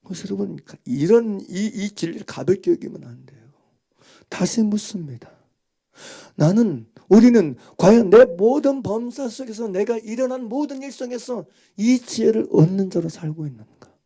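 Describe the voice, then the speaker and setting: A male pastor giving a Sunday morning sermon, firing off rhetorical questions and swinging from hushed words to impassioned shouts. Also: high-pitched, lively intonation, normal speed.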